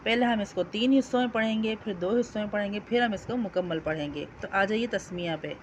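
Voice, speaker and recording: A woman teaching Quran recitation, chanting each phrase slowly and drawn out, with quick spoken instructions between them. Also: medium pitch, a little hiss or hum. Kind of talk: slow call-and-repeat recitation lesson.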